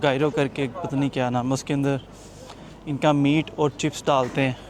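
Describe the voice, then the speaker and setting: A man's voice: mid-range voice, little pitch movement, moderate pace, crowd noise. A young man chatting casually to viewers as he walks through a busy tourist area. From Pakistan. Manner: chatty, jokey, talks to viewers while walking. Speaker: travel vlogger. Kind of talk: casual walking vlog narration. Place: outdoors at a busy tourist waterfront. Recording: outdoor street noise. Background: street noise and traffic.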